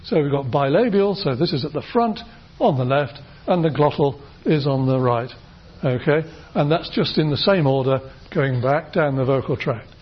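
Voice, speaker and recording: British man lecturing on phonetics, husky. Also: fairly high pitch, normal speed. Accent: British English. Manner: explains patiently, many fillers and restarts, demonstrates sounds. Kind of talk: university lecture. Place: lecture room. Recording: dull lo-fi lecture recording.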